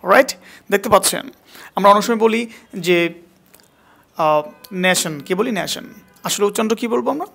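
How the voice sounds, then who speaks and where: A man's voice: high voice, normal speed, gravelly, long pauses, fairly bright tone. A man teaching a spoken English class, repeating words again and again to drill pronunciation and quizzing his student.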